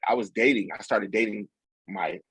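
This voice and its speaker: A young man, a podcast guest, telling a story in a relaxed, rambling way with plenty of fillers and restarts. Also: fairly low pitch, normal speed, slightly rough, no room sound, low-quality recording. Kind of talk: casual storytelling.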